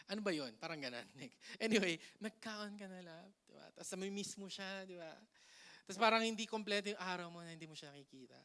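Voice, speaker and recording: A man with a Filipino accent preaching a lively, playful sermon that mixes Tagalog and English, joking with the congregation and swinging between loud emphasis and soft asides. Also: high-pitched, clean tone. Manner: playful, jokes with the congregation and laughs. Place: church hall.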